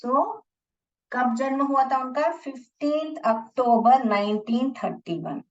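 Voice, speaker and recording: A woman's voice: sits high, slow, recorded from a distance, muffled recording. A woman teacher explaining an English lesson to children, mixing Hindi and English, spelling out words and asking the class questions.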